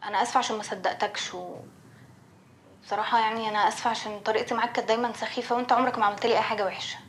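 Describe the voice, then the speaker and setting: A remorseful young woman, voiced by an actress apologizes with an Egyptian accent, hesitant yet quick. Her voice sits a little high. Faint room noise hangs behind. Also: fairly even intonation, natural voice. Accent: Egyptian Arabic. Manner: hesitant, soft-spoken confessing. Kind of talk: TV drama acting.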